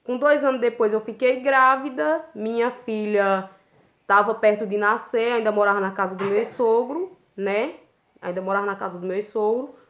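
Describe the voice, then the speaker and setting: Woman telling her story. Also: mid-range voice. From Pernambuco, Brazil. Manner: plain-spoken, unhurried, with frequent tag questions. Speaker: vlogger. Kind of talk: casual personal storytelling. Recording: dull lo-fi recording.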